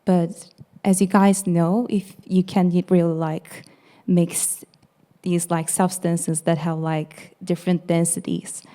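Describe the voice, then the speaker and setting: Turkish-accented woman student presenting, low voice. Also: flat delivery, slow, mellow. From Turkey. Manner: earnest, explanatory, many "actually". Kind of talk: casual presentation.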